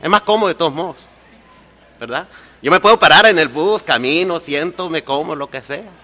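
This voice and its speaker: Bright-voiced man giving earnest testimony. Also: fairly high pitch, moderate pace. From United States. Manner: earnest, confessional, often adds "¿verdad?". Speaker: recovery meeting speaker. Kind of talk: personal testimony at a support meeting.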